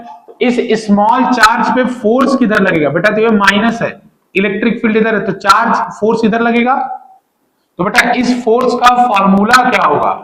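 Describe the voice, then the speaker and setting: A man's voice: sits high, fairly bright tone. A man teaching physics in a classroom-style lecture, repeating key points and asking students questions as he goes. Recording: echoey room.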